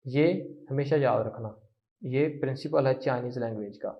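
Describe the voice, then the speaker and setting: A man teaching a language lesson, patient and repeating each phrase slowly for practice. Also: mid-range voice. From Pakistan. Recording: muffled lo-fi recording.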